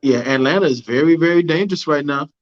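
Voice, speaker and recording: A man's voice: on the high side, quick pace, lo-fi sound. Laid-back man hosting a livestream. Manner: laid-back, keeps asking "you know what I'm saying". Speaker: livestream host. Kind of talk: casual livestream talk, reading viewer comments.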